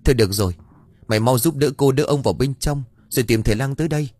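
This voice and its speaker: A man's voice: mid-range voice, darkish tone, no echo, pitched above the performer's own voice, lightly acted. A man voicing an anxious young daughter of the house in a spoken story. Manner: anxious and hurried.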